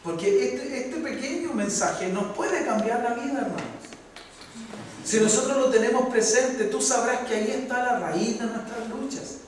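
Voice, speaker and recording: A Chilean man preaching a sermon as pastor, his voice rising to loud, fervent peaks. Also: very high-pitched, moderate pace. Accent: Chilean Spanish. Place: church hall. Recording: echoey hall from far off, faint noise.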